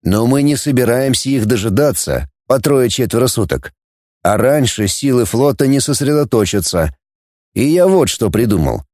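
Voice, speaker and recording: A man playing a scheming, commanding male supreme coordinator who lays out a plan in a brisk, businesslike way. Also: medium pitch, sing-song, darkish tone, no room sound, clean studio sound.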